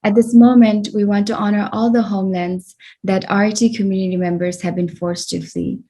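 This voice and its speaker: A woman's voice: mid-range voice, level tone, moderate pace, warm tone. A woman hosting a virtual fundraiser over a video call, graciously thanking guests and introducing the next one. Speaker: event host.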